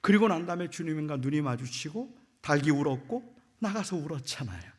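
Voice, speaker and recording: A man, a pastor, preaching a sermon in a church, swinging between loud emphasis and hushed near-whispers and asking the congregation rhetorical questions. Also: fairly high pitch, very animated, fairly quick, slightly rough.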